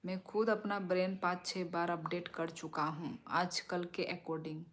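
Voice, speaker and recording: A young woman from Tripura, whose first language is Kokborok, hosts a casual live stream. She reads viewer comments aloud and answers them one by one. Her voice sits a little low, and she talks slowly and calmly. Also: a little hiss or hum. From Tripura, northeast India.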